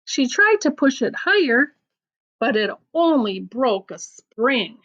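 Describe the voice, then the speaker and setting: A woman with a high voice reads rhymes aloud for children, teacher-like and full of expression. Her pacing is deliberate and her tone sing-song, as in storytelling, over dull lo-fi audio.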